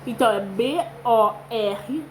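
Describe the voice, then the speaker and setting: A woman with a Brazilian Portuguese accent leads a children's lesson, reading aloud and breaking words into syllables with patience. Her voice sits high and her delivery is slow and deliberate. A faint hum of background noise runs beneath her. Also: rough recording. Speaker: teacher.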